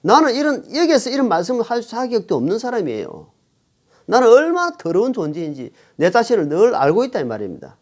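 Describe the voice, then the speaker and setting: A middle-aged man delivers a sermon as pastor. His pitch swings widely as he leans on key phrases, repeating them to drive the point home, and he pauses to read scripture aloud to his congregation. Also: wildly swooping pitch. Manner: emphatic, repeats phrases for stress.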